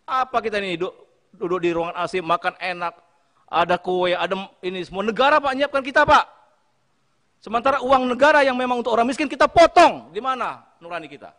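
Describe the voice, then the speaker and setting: Fast-talking and lively in intonation, a man with a high, slightly bright voice chairs a committee hearing and pleads emphatically, repeating his appeal to the minister. The large parliamentary room adds a long, echoing reverb to his impassioned speech.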